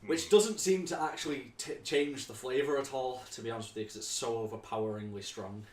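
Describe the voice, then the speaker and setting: A man's voice: medium pitch, brisk, darkish tone. A man running a tabletop game as game master, describing the scene vividly and casually. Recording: echoey room with faint noise.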